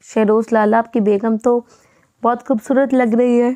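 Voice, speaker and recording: A woman's voice: fairly high pitch, steady tone, mellow, dry recording, natural voice. A woman reading the lines of a playful young female cousin who teases the bride. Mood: teasing. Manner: teasing.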